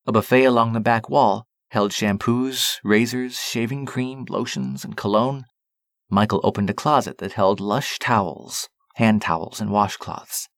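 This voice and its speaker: A man narrating a story in a steady, calm reading voice. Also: medium pitch, creaky, no echo, studio quality.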